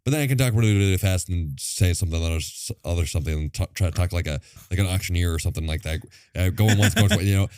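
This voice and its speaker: A man co-hosting a podcast in casual chat, rambling with plenty of filler words and toying with fast and slow delivery. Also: low voice, darkish tone, clean tone. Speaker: podcast co-host.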